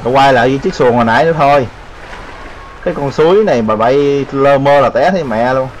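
A man hosting a gaming channel, giving excitable, joking commentary on his play. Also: medium pitch, quick pace, a little hiss or hum, low-quality recording. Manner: excitable, shouting exclamations, joking. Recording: voice over game audio with faint music. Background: music.

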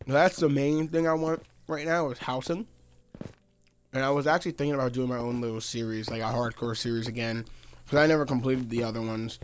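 A man's voice: medium pitch, fairly even intonation, brisk, clear, resonant tone. A man streaming a video game live, talking casually as he plays, muttering to himself and laughing often. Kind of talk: casual live gameplay commentary.

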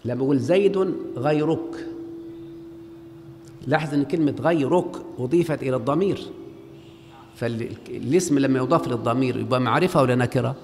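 A man's voice: mid-range voice, quick pace. A man with an Egyptian accent lecturing on Arabic grammar in a large mosque, questioning his students call-and-response style. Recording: long hall reverb, faint background noise.

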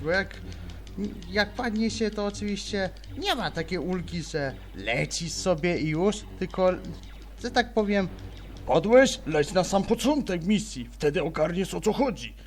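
A young man giving casual, rambling let's-play commentary, chattering almost without pause as he plays. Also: sits high. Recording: faint noise, game sound behind.

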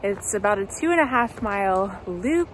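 A woman's voice: medium pitch, expressive, moderate pace. A woman vlogging a road trip, chatting upbeat about trails and plans as she goes. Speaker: travel vlogger. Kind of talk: casual travel vlog narration. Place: outdoors on hiking trails and city streets. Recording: noisy outdoor camera audio.

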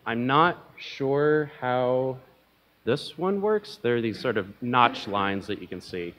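A man's voice: medium pitch, expressive, takes it slowly, a bit bright, slight background noise. A young man presenting at an academic conference from a lectern, talking casually with frequent ums and uhs and a self-deprecating humor.

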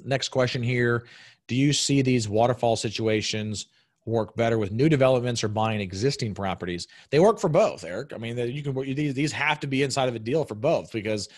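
A man's voice: medium pitch, fairly quick, dry recording, clean studio sound. A man in his thirties hosting a live webinar, answering audience questions in a conversational, explanatory way with many fillers and restarts.

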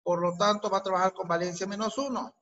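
A man's voice: high voice, steady tone, fast talker, fairly bright tone, highs cut off. A man teaching a chemistry class with a Peruvian Spanish accent, asking students questions and repeating their answers. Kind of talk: online class lesson.

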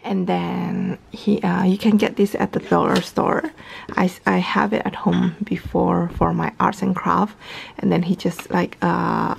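Her voice lowish, gravelly and flat, a young mother narrates an unhurried how-to vlog at home, explaining toys one step at a time in a talkative, casual manner. She is a parenting vlogger filming her living room from above on a handheld camera while staying off screen, with slight background noise.

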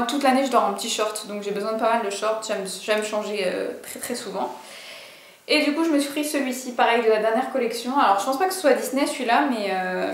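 A young woman talks casually through a clothing haul, chatty and bubbly, full of fillers and little asides. Her voice sits a touch high. The room around her rings with echo. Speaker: vlogger.

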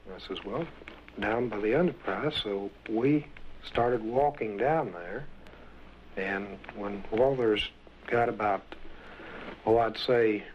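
Plain-spoken man on an old vinyl record. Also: mid-range voice. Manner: hesitant, many fillers, plain folksy wording. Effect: old vinyl record, muffled with faint surface hiss. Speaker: eyewitness. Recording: muffled old vinyl record with faint hiss.

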